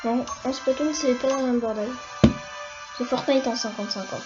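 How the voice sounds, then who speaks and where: A woman giving casual, chatty commentary over her gameplay, excitable and quick to repeat words in bursts. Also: fairly high pitch. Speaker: gamer. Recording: dull lo-fi recording over game music. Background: loud game music.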